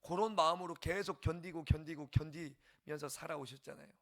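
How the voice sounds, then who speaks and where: A male pastor giving an early-morning revival sermon, passionate, swinging from loud exclamations to hushed near-whispers. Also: on the high side, steady tone, a little fast.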